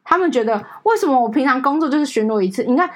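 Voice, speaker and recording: A woman with a Taiwanese Mandarin accent, co-hosting a podcast and telling a story in an animated, emotional way with many fillers. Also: sits high, very fast. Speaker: podcast co-host. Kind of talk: casual storytelling chat.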